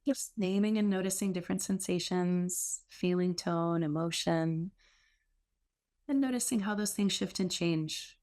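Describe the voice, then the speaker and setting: A woman with a lowish voice guides a meditation as a teacher. She speaks unhurriedly and gently instructive, leaving pauses.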